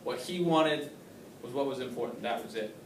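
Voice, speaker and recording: A man's voice: mid-range voice, moderate pace, a little hiss or hum. A man teaching a class, asking questions and praising students' answers. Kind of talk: classroom lesson. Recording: roomy classroom, mic far off.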